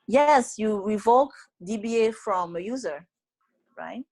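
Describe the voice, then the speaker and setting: A woman's voice: mid-range voice, lively intonation, slow pace, a little mellow, low-quality recording. A woman walking classmates through a database exercise step by step, checking in with them often and correcting them bluntly. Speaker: student tutor leading a database class session.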